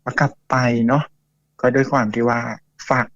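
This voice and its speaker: A man's voice: medium pitch, fairly even intonation, moderate pace, a bit bright, no room sound. A man telling a ghost story to a host in a chatty, casual way, full of fillers and acted-out quotes. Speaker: guest storyteller. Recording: dull lo-fi dry audio.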